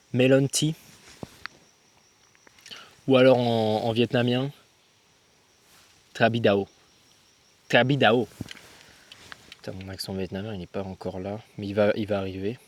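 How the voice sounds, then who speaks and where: A man's voice: lowish voice, little pitch movement, moderate pace, long pauses, a little mellow, a little hiss or hum. A young man chatting casually to his own handheld camera as a travel vlogger, slangy and loose, calling his viewers guys and thinking aloud with lots of fillers and restarts. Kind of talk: casual vlog talk to camera.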